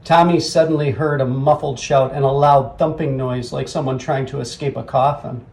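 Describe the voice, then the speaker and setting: A man narrating a bedtime story for children in an animated, comic storytelling manner. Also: mid-range voice, moderate pace.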